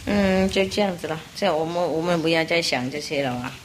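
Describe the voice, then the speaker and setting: A woman's voice: low-pitched, fairly quick, slight background noise. Playful laughing woman telling jokes. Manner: playful, laughs often between lines; rambling, forgetful asides. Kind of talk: joke-telling talk to an audience.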